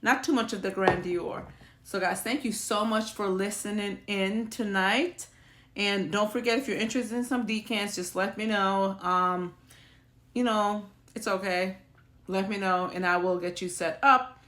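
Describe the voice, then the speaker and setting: A woman talks to her viewers in a perfume vlog, her pitch sitting in an ordinary middle range. She rambles in a chatty, reflective way, restarting her sentences as she thinks aloud. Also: fairly even intonation, a little slow, fairly bright tone. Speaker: perfume channel host. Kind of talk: casual chat to viewers.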